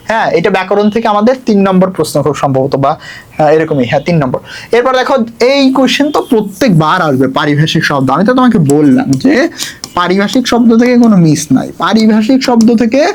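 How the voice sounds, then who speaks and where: Chatty male tutor. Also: high voice. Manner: chatty, checks in often with rhetorical questions. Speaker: admission test tutor. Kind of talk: exam prep lesson.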